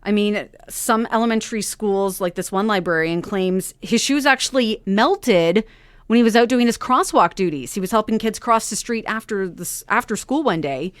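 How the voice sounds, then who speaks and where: A woman's voice: medium pitch, normal speed, dry recording. A woman co-hosting a morning radio show, reading news and chatting through the details with her partner into a studio mic. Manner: conversational, explains numbers. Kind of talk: reading news stories on air.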